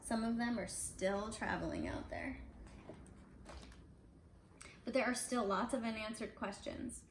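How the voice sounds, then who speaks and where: Reading to her children indoors at home, a mother speaks at a measured pace in a fairly high voice. It's a casual picture-book read-aloud, conversational, with asides that explain the pictures. The room sounds roomy, and there's faint noise.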